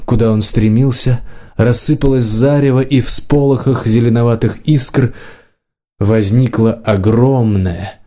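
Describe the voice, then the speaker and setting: A man narrating a fantasy audiobook in an even, measured reading. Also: medium pitch. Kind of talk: scripted narration.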